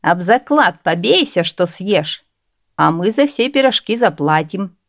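A woman voicing haughty, mocking noble gentlemen in a storybook reading. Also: lowish voice, lively intonation, measured pace. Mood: jeering. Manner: scornful, jeering, loud.

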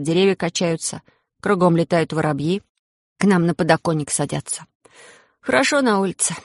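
Dry, close storybook narrator. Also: no echo. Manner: acts out the characters' lines with shifts in pitch and pace. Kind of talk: storybook reading.

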